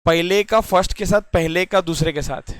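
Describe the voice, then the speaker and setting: A man's voice: on the high side, moderate pace, smooth, no room sound, clean studio sound. A young man teaching a puzzle lesson in Hindi mixed with English in an Indian accent, explaining step by step and often asking if students follow. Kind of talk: classroom lecture on reasoning puzzles.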